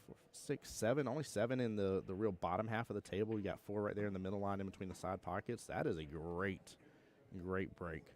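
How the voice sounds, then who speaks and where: Southern guy from georgia doing chill pool commentary, kinda low voice, jokey and chatty. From Georgia, USA. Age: young adult. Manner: chatty, joking, laid-back drawl. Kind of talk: live stream commentary, reading chat.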